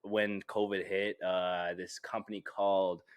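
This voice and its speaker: A man's voice: low voice, level tone, measured pace, clear, resonant tone. A young man from Calgary with a Canadian accent, a bar worker chatting as a podcast guest, easygoing and agreeable. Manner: easygoing, agreeable, often says "absolutely". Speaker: guest, bartender. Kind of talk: casual chat.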